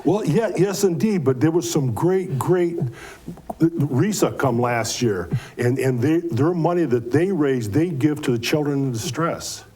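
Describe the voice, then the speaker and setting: Male community organizer, relaxed dark voice, earnest and folksy interviewee. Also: fairly high pitch, measured pace, breathy edge. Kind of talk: conversational interview answers.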